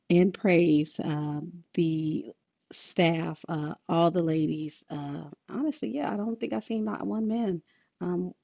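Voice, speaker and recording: An older woman podcast host delivers a casual monologue in a deep, mellow voice with vocal fry, rambling in a laid-back way and using lots of fillers. There's no echo, and the lo-fi recording sounds dull.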